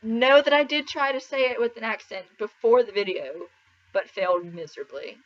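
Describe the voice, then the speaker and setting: A young woman with an American Southern accent, chatting to camera in a giggly, animated way. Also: on the high side, moderate pace, slight background noise. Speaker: vlogger. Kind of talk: casual chat to camera. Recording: slightly dull lo-fi sound.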